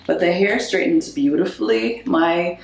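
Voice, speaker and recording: A woman's voice: on the low side, a little slow, gravelly, a little mellow. A woman hosting a casual beauty review vlog, upbeat and gushing as she talks straight to her viewers, recorded with the strong echo of a bare bathroom. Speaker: beauty vlogger. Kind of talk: casual chatty product review. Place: small bare bathroom indoors, just moved in.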